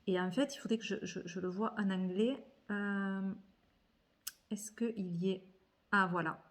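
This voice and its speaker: A woman with a mid-range voice, a little slow, is a tarot and oracle card vlogger in a casual haul chat about tarot decks. She thinks aloud and often repeats words as she hesitates.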